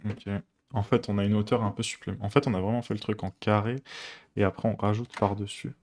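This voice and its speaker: A man's voice: lowish voice, little pitch movement, fast, a little mellow. A man, streaming a coding session and chatting casually, thinking aloud with many fillers and restarts. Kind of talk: casual live coding chat.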